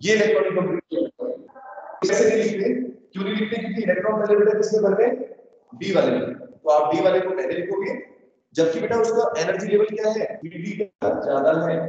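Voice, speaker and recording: A man's voice: high voice, a little mellow, slight background noise. A male teacher in an online class, quizzing his students in sing-song prompts, his voice carrying the heavy echo of a big empty room. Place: large empty room with doors open. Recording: echoey empty hall, distant dull mic.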